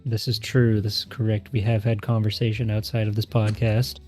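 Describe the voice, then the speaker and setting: A man's voice: lowish voice, flat delivery, a little fast, darkish tone, faint music behind. A man as a podcast guest, chatting casually in a joking, playfully teasing way. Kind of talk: casual streamed podcast chat.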